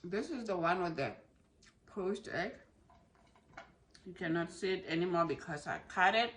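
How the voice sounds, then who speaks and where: Lady w a low slow voice talking with her mouth full, chewing and mm-ing, casual food chat, bit of noise behind. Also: fairly bright tone. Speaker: food vlogger. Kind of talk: casual mukbang chat while eating.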